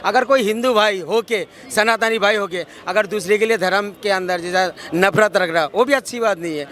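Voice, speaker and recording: A man's voice: high-pitched, normal speed, fairly bright tone. A man answering a reporter's questions on the street, talking over her insistently to make his point. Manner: insistent, keeps interrupting to be heard. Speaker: interviewee in street vox pop. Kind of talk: heated street debate. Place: outdoors on a city street.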